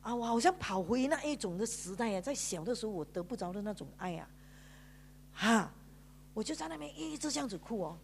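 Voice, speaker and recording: A woman's voice: a little high, expressive, brisk, vocal fry, a little hiss or hum. A woman pastor with a Malaysian Mandarin accent, giving an emotional sermon testimony in a storytelling way, drawing out sentence particles and mixing in English words. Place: church.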